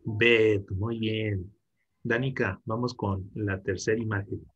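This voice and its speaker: Slow, husky male teacher. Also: fairly low pitch, steady tone, fairly bright tone, highs cut off. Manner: patient, encouraging, mixes English and Spanish. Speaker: English teacher. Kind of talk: online class for children. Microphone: video call.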